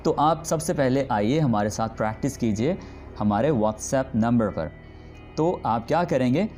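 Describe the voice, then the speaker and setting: A man teaching English pronunciation, repeating each example word slowly and deliberately. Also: mid-range voice, a little mellow. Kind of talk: spoken pronunciation lesson.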